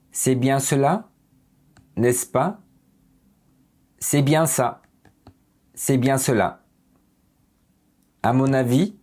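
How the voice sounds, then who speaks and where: A man reading vocabulary aloud for a pronunciation lesson, saying each word twice in a slow, distinct way. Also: medium pitch, a little mellow. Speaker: pronunciation teacher.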